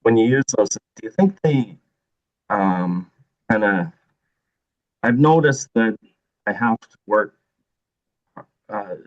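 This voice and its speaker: A man's voice: on the low side, lively intonation, takes it slowly, long pauses. A man calling in with a hesitant question, full of ums and likes, his voice coming through a call signal that keeps breaking up. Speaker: caller. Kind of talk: casual question to a guest. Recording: muffled lo-fi call line.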